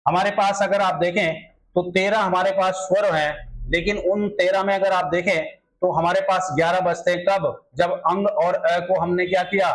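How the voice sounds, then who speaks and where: A man's voice: high voice, fairly even intonation, normal speed, poor audio. A male teacher solving exam questions in a grammar lesson, explaining step by step and often asking rhetorical questions.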